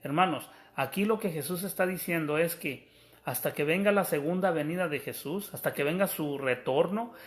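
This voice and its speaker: A man's voice: fairly high pitch, moderate pace. A man preaching a sermon, explaining scripture step by step, calling his listeners brothers and often restarting his sentences.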